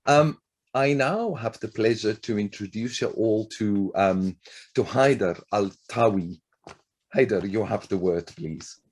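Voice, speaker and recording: A man moderating a panel discussion, politely handing over the word with many pauses. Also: on the low side, darkish tone. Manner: polite, halting, many um fillers.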